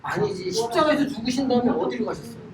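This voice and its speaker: Middle-aged male Bible teacher, animated and interactive with the class; recorded from a distance in a roomy hall. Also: extremely high pitch, quick pace, over a noisy crowd. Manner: animated, questions the class and acts out everyday sayings. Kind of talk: Bible study lecture with audience questions. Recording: echoey room, distant mic, clear background noise.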